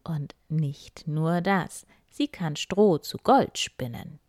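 A woman voicing a boastful old miller who talks loudly and quickly. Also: low-pitched, no room sound. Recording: dry close recording.

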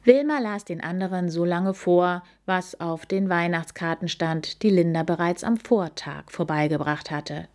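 A woman narrating a children's story in a gentle, even storytelling manner. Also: lowish voice, unhurried, few pauses.

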